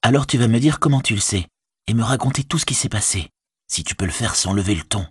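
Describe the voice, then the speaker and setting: A calm, grave young hobbit speaks in a soft, measured, low voice. A man reads him in an audiobook. His tone is husky and the sound is dry. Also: dry recording.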